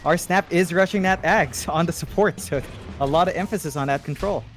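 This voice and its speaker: A man commentating an esports match, analytical and measured, with some fillers and restarts. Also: fairly high pitch, over music. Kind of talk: play-by-play commentary.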